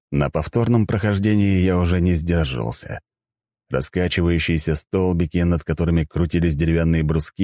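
Deep-voiced male audiobook narrator. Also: mellow, no echo, studio quality. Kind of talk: first-person audiobook narration.

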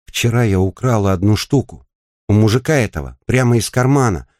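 A man's voice: lowish voice, brisk, a little mellow, no room sound, studio quality, pitched above the performer's own voice, lightly acted. A man voicing a frightened young female courier who pleads tensely, lifted above his own voice. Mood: pleading.

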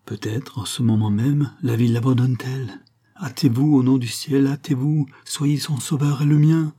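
A man's voice: mid-range voice, steady tone, moderate pace, mellow, slightly rough, lightly acted. A man reading a storybook and voicing a grief-stricken woman of about fifty, pleading in an anguished, strained voice. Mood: frantic.

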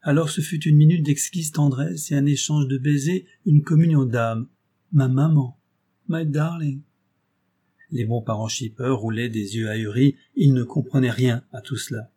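Dark, husky-voiced male narrator. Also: medium pitch, moderate pace, hardly any pauses. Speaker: audiobook narrator. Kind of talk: scripted narration.

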